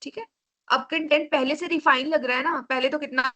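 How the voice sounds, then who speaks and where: A woman teaching an online class over a video call, slowly repeating the key steps for her students. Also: high-pitched, fairly even intonation, fairly bright tone, highs cut off.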